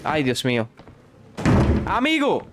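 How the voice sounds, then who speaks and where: A man's voice: a little high, huge pitch swings, slow pace, very noisy. A young man, commenting live on a horror game he is streaming, jumpy and panicky, shrieking when something scares him.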